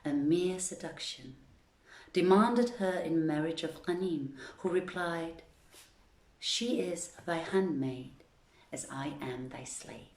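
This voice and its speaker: A woman reads literary tales aloud at an online story session she hosts, speaking directly to her listeners as well. Her voice is low-pitched and darkish, and she reads slowly. The audio is poor, with a roomy sound.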